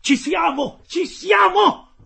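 A man puts on a rugged, bold harpooner from a storybook sea adventure, blunt and plain-spoken. His husky voice jumps high and loud in eager shouts, with a wide, swinging pitch. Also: very animated, normal speed, exaggerated voice. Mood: shouting.

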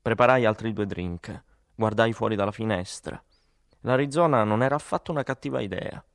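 Male audiobook narrator, low register, dry close read, plain matter-of-fact first-person storytelling. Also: fairly quick, vocal fry, dry recording. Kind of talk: scripted literary narration.

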